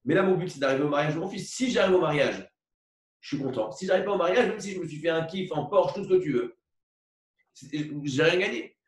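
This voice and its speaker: A man teaching a religious lesson, explaining slowly with many repetitions and asides and asking for agreement. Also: a little high, animated. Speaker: Torah teacher. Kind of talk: religious lecture with a parable. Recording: echoey room recorded from far off.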